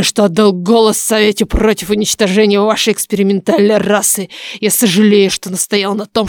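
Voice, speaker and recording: A furious male dragon, put on by a woman narrator, hisses and growls each word slowly and low, all menace and cold rage. The recording is dry and close, with no room sound around the voice. It reads like a dark fantasy storybook villain. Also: no echo, natural voice. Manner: low, slow, hissing menace.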